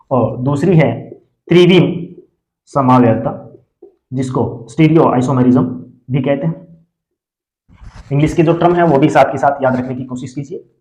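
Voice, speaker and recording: A man's voice: medium pitch, darkish tone. Echoey male teacher, quizzing and answering. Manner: asks questions then answers them himself; repeats key terms slowly for note-taking. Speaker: chemistry teacher. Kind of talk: classroom lecture.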